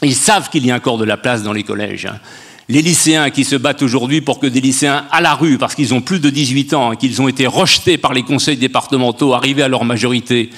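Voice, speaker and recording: A man's voice: mid-range voice, quick pace, fairly bright tone. An older man speaking as a guest on a public panel debate, making an impassioned case in long sweeping sentences into a handheld mic on a stage. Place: stage of a large dark auditorium.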